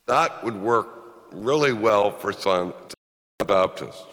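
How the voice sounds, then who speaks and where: Slow-spoken priest in a cathedral-like echo. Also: male voice, on the low side, lively intonation, a bit bright. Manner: measured, deliberate phrasing with pauses and repetition. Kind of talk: Gospel reading and homily, slow and solemn. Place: large reverberant church. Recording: long reverberant cathedral-like church echo.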